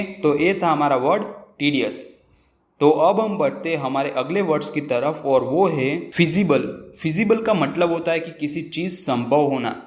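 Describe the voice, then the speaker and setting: A man with an Indian accent teaching English vocabulary, explaining each word and slowly reading out example sentences. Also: fairly high pitch, reverberant. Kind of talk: vocabulary lesson.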